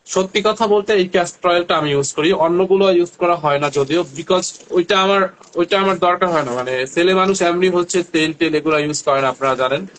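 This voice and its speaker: A man's voice: sits high, a little fast, a bit bright, low-quality recording. A young man from Barishal, Bangladesh, casually hosting a live sales stream and chatting straight to viewers with many fillers. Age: young adult. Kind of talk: casual livestream selling.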